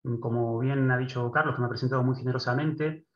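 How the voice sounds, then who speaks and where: Middle-aged man from Argentina, measured lecturer, dull lo-fi sound in a roomy space. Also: mid-range voice, steady tone. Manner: measured, thoughtful, with many restarts and filler sounds. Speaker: guest speaker. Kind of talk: lecture presentation. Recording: dull echoey room.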